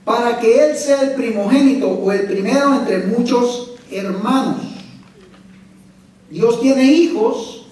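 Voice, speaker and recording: A man's voice: extremely high pitch, expressive, takes it slowly, darkish tone. A man preaching a sermon as pastor, emphatic and often asking the congregation questions. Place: church sanctuary. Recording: echoey church hall from far off.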